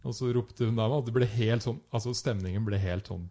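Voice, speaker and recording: Casting: lower-voiced man, animated storyteller, acts out quotes. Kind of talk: casual storytelling chat.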